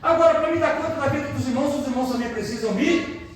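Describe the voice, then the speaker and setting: A man's voice: extremely high pitch, fast. A man with a Brazilian accent, a pastor preaching a sermon with personal testimony, calling the congregation brothers and asking for amens. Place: church hall, indoors. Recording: very echoey church hall, mic far off.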